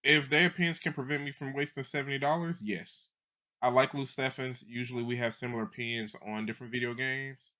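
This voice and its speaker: A man with a bright, forceful voice joins a podcast chat in an easygoing way. He talks loosely, joking along with his co-hosts. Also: medium pitch, fairly even intonation, fairly quick. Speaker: podcast co-host. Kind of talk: casual chat.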